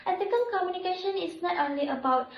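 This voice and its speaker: High-voiced, earnestly empathetic young nurse played by a woman. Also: quick pace, dull audio. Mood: earnest, instructive. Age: young adult. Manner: scripted empathy, earnest and formal. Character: earnest, empathetic female hospital nurse, calm mediator. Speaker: nurse in a role-play. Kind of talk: scripted role-play. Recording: roomy echo.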